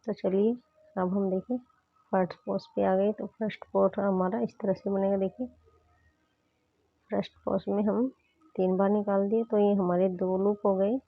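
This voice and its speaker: A woman's voice: mid-range voice, level tone, moderate pace, creaky, long pauses, no room sound. Female crochet tutor, sore throat, patient step-by-step teaching; narrow phone-like audio, dry. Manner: patient, repeats "dekhiye" while demonstrating. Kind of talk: step-by-step craft instruction. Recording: tinny phone-like sound.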